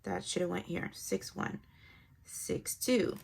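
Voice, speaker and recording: Young woman chatting thru her budget planner, low-ish gravelly voice, mumbles numbers to herself. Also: takes it slowly, a little mellow, a little hiss or hum. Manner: chatty, thinks aloud while writing, mutters numbers to herself. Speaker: planner vlogger. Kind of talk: casual narrated planner setup.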